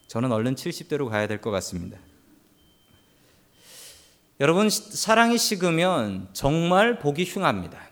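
A male pastor delivering a sermon in a fairly high voice that swings widely up and down. He tells stories with lively humor and speaks directly to the congregation. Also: moderate pace, pauses often. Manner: animated storytelling with humorous asides to the congregation.

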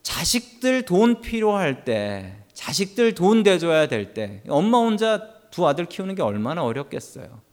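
A male pastor delivering a sermon in a fairly high voice that swings widely up and down. He tells stories with lively humor and speaks directly to the congregation. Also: moderate pace, few pauses. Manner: animated storytelling with humorous asides to the congregation.

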